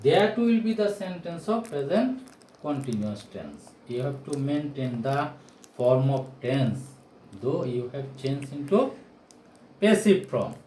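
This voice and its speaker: A man in his forties, English not his first language, teaches grammar at a whiteboard in a measured, projected way, repeating important phrases and asking rhetorical questions. His mid-range voice swings widely in pitch and sounds mellow, with slight background noise. The small bare-walled room and a camera or phone mic a few steps away give it a roomy echo.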